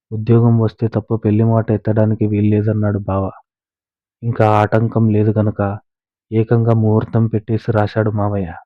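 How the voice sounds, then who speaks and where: A man narrating a moral story in a steady, even storytelling manner, recorded on a tinny, dry line. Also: on the low side, dry recording.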